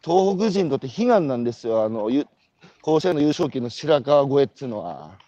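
A man's voice: medium pitch, fairly quick, dry recording, muffled recording. A man from Iwate with a Tohoku accent, hosting a walking interview and telling stories with rhetorical questions. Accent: Tohoku Japanese. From Iwate, Japan. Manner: animated, storytelling with rhetorical questions. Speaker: host. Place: outdoors, walking.

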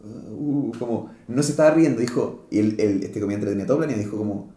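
Chilean man, podcast host, mellow tone, loose slangy delivery, roomy sound. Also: fairly low pitch, racing. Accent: Chilean Spanish. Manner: rambling, slangy, many restarts and fillers. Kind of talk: casual chat.

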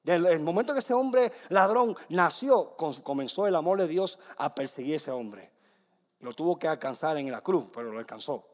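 A young adult man preaching a sermon, moving between loud emphatic declarations and soft hushed passages. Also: on the high side, animated, normal speed. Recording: long hall reverb.

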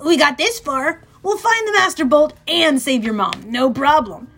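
Woman playing a jittery, higher-pitched teenage boy sidekick. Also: animated, normal speed, a bit bright. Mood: nervously upbeat. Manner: hesitant, anxious. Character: nervous, eager-to-please teenage boy sidekick.

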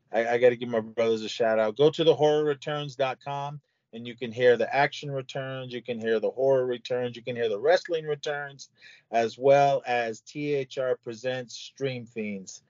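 A man's voice: medium pitch, steady tone, unhurried, darkish tone, no room sound. An older man, a podcast guest, rambling casually with lots of fillers. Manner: rambling, filler-heavy plugs. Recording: dry, dull lo-fi audio.

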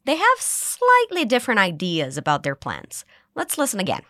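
A woman hosting an English lesson podcast, cheerful, modeling phrases slowly for listeners to repeat. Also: medium pitch, wildly swooping pitch, a bit bright, no room sound, studio quality. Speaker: English teacher and podcast host. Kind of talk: scripted language lesson.

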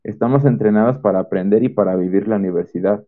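A young man with a Mexican accent tells of his own schooling in a casual, animated way and acts out the dialogue he recalls. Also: on the low side, quick pace. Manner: animated storyteller who acts out quoted dialogue. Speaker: homeschooled former student sharing experience. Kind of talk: casual testimonial talk. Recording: tinny phone-like sound.

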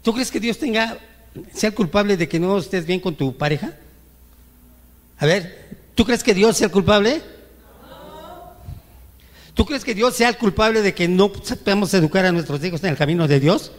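High-voiced male pastor in reverberant hall. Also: moderate pace, pauses often. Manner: preaches with rhetorical questions to the congregation; acts out whiny complaints to God. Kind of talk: sermon. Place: church.

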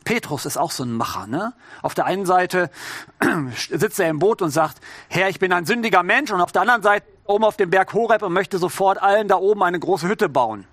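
High-voiced man preaching casually. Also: animated, a little fast, fairly bright tone, dry recording. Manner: informal, addresses the congregation with rhetorical questions. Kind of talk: conversational sermon.

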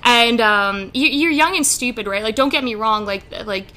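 A young woman racing driver, telling stories in a casual interview, animated and laughing often, with many fillers. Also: on the high side, moderate pace. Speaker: race car driver guest.

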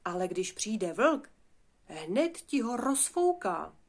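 A woman voicing a calm, wise little pig. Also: medium pitch. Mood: warning. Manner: calm, reassuring and measured. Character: wise, hardworking eldest male piglet.

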